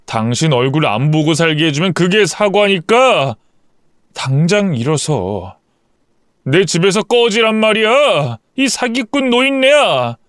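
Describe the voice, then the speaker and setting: A man's voice: fairly high pitch, very animated, a little slow, dry recording, clean studio sound. A man voicing a bitter young husband who speaks curtly and with contempt, in an audio story. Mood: contemptuous. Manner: curt, contemptuous.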